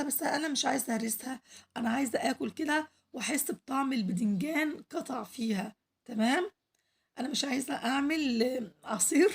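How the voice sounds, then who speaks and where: Hoarse, fast-talking Egyptian woman. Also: high voice. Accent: Egyptian Arabic. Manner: chatty, addresses viewers directly, pleads for likes. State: hoarse, losing her voice. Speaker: cooking channel host. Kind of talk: home cooking vlog narration.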